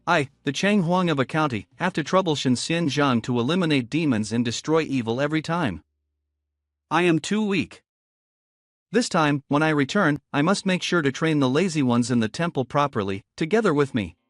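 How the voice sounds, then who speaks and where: A man's voice: on the high side, animated, moderate pace, no echo, close to an everyday voice. A man voicing a timid, earnest male town god who speaks politely and anxiously. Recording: dry with faint music.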